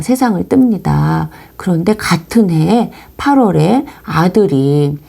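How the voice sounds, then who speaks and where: Animated gravelly woman teaching children. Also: low voice. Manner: animated storytelling, acting out anguished cries. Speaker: Sunday school teacher. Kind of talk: children's devotional Bible lesson.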